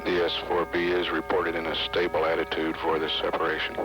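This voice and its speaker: Very even, low-voiced male mission commentator. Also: lo-fi sound. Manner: measured, matter-of-fact. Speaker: mission control public announcer. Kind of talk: live technical mission commentary. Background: music.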